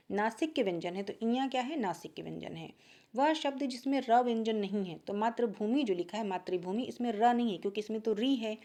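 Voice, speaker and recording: A woman teaching a Hindi grammar exam-prep lesson. She asks each question, then answers it lower and softer, and repeats key points to check understanding.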